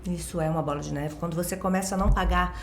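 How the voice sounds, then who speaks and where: A woman's voice: lowish voice, fairly even intonation, very fast, roomy sound, a little hiss or hum. A woman with a Rio de Janeiro accent, a guest expert explaining things in casual chat with everyday examples and constant tag questions. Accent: Rio de Janeiro Portuguese. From Brazil, born in Minas Gerais.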